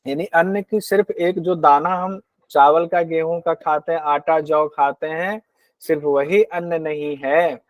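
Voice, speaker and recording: A man's voice: fairly high pitch, fairly even intonation, measured pace, dry recording. A man teaching a Hindi lecture on scripture, explaining verses and asking and answering his own questions. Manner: acts out rude and grudging hosts in quoted asides.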